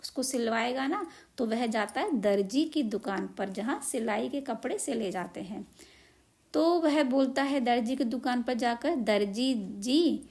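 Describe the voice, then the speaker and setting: A woman teaching a children's story lesson. She retells it simply, asks her own questions and answers them. Her voice sits a little high. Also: measured pace, a little mellow.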